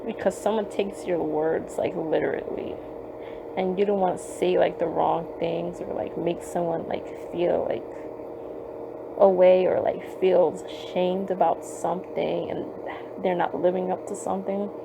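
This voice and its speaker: There is little pitch movement in this woman's lowish voice, which is a little slow and has vocal fry. Hosting a podcast recorded on her phone, she rambles casually with plenty of fillers and swearing, and the background is noisy.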